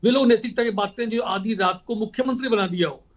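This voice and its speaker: A man arguing as a party spokesperson in a heated TV debate, forceful and repetitive. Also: sits high, quick pace, highs cut off. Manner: forceful, repetitive rhetorical speech.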